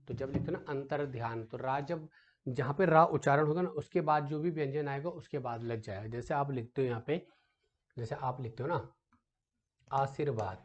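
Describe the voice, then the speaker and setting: A man's voice: mid-range voice, husky, muffled recording. A male teacher runs an exam-prep lesson, quizzing students and often checking back with them with rhetorical questions. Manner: repeats "ठीक है" often and asks rhetorical questions; addresses students as "बेटा", patient explaining.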